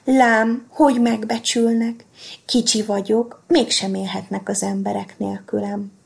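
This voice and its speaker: A perky, boastful little sewing needle from a storybook, as a woman reads it. Its voice is husky with a gravelly edge. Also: medium pitch, flat delivery, darkish tone. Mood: proud.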